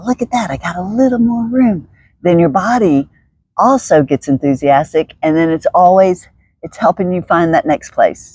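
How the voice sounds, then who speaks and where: A woman's voice: extremely low pitch, creaky, mellow, dry recording. A woman guiding a stretching session outdoors, chatty and upbeat, talking her way through each move. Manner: chatty, upbeat, thinks aloud, laughs often. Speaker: stretching instructor. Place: outdoors in the sun.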